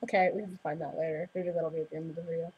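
A woman's voice: low voice, little pitch movement, very fast, husky, dull audio. A teenage girl hosting a casual vlog, bubbly and giggly, rambling between topics. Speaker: vlog host. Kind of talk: casual chat.

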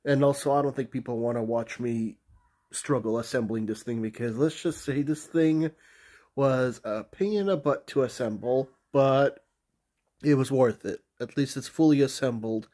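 Mellow and mid-range at a moderate pace, his voice is nasal and sniffly from a cold. Filming his cluttered bedroom on his phone, the vlogger chats casually with lots of fillers and restarts, then politely wraps up.

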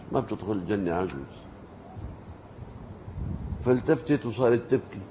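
A male preacher tells stories in a mellow, warm voice. He talks like an animated storyteller and rises sharply to stress his points. Faint noise sits under the voice. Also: on the low side. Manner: animated storyteller, jumps into quoted voices, rising emphasis. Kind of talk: storytelling sermon.

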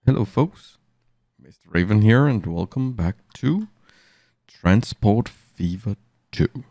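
Guy rambling on his game stream, really low voice, bit of fry in it. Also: animated, slow pace, warm tone, no room sound. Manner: rambling, chatty, talks to his viewers. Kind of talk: casual live game stream. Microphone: studio mic through an audio mixer.

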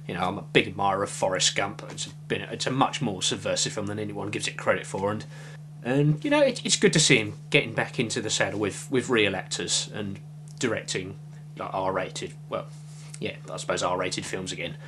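A man's voice: fairly low pitch, lively intonation, brisk, noisy background. A young man reviewing a film to camera in a small room, talking casually with lots of fillers and hedges. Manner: rambling, hedging with fillers, gesturing. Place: small room with shelves of films, indoors. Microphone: webcam at desk.

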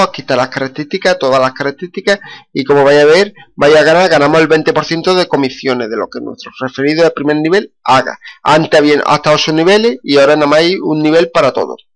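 A man's voice: on the high side, fairly bright tone. A man with a Spanish accent casually talking through his screen recording, with many fillers and restarts. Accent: Spain. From Spain. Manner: repetitive, frequent fillers and restarts. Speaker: screencast vlogger.

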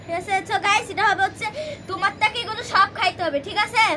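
Young woman, challenge-video host, very high pitch, excitable casual delivery, noisy location. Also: fast talker. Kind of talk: excited casual challenge chat mixing English words.

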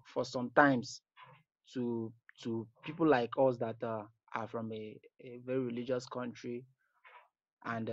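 Leaving a casual phone message, a voicemail caller with a Nigerian accent hesitates and frequently repeats himself. His pitch is medium, there is no room sound, and the recording has a dull, lo-fi quality.

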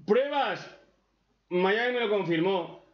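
A man's voice: a little high, animated, normal speed. Foul-mouthed man with a Spanish accent. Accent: Spain Spanish. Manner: foul-mouthed, sarcastic, mocking. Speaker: reaction streamer. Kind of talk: casual crude reaction commentary. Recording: echoey room, dull lo-fi sound.

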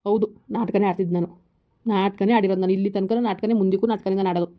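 A woman's voice: medium pitch, steady tone, very fast, close to an everyday voice. A woman playing a harried husband caught between his wife and his mother, talking in an exasperated, scolding way in a village comedy skit. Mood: bitter. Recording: slightly dull lo-fi recording.

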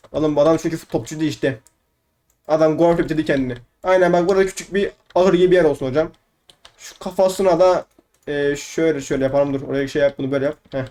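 This is a young man's let's-play commentary as a gaming YouTuber: casual and chatty, with playful swearing and words repeated again and again. He has a fairly high-pitched voice with a dark tone.

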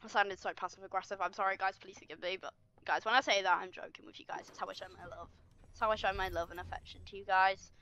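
A woman's voice: mid-range voice, fairly even intonation, fast talker, pushed and bright, dull audio. A woman giving casual gameplay commentary, chatty and playful, teasing the game's monsters as she plays. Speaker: gaming channel host.

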